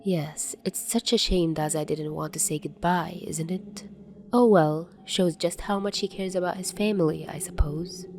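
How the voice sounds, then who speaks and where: A woman reading the part of a cold, controlling middle-aged man who speaks calmly and cruelly, in a podfic. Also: low voice, brisk, hardly any pauses. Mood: muffled, false sweetness. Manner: calm, cruel, falsely gentle.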